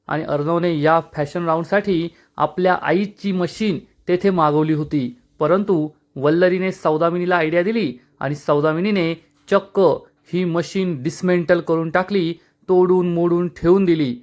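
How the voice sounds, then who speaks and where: A man's voice: on the high side, fairly even intonation, unhurried, few pauses, highs cut off. A man reviewing a TV serial episode, narrating the plot dramatically and addressing listeners as friends.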